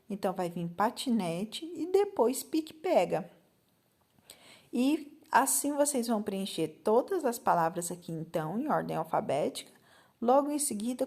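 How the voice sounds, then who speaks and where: Slow, patient Brazilian woman teacher. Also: medium pitch, a little mellow. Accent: Brazilian Portuguese. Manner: slow, patient, spells out letters and checks with "certo?". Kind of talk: recorded remote lesson for fifth graders.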